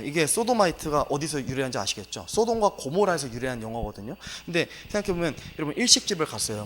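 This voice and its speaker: A man's voice: fairly high pitch, a bit bright, big-room sound. A male pastor giving a sermon lecture, emphatic and exclaiming, with many filler words.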